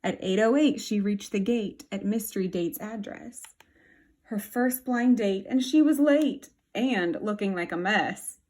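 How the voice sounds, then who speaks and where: A woman reading a rhyming children's picture book aloud with a rhythmic, expressive delivery. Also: mid-range voice, measured pace.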